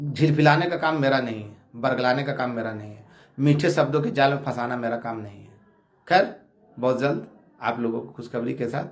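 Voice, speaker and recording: A man giving a heated monologue from his home prayer room, combative, insulting his rivals and swinging between shouting and low muttering. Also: vocal fry, echoey room. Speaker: online commentator appealing to viewers.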